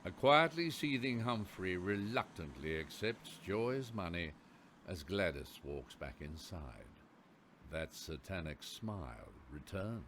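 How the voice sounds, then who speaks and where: A man narrates a radio play in scripted, descriptive prose, a measured piece of storytelling. His deep voice is animated but slow-paced, and there's background noise.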